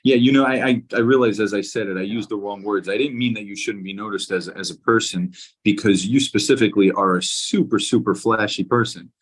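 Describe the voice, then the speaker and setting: A man with a fairly low voice interviews casually on a video call. He is from New York and speaks in a loose, halting way, rewording his thoughts as he goes. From Brooklyn, New York. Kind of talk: casual chat.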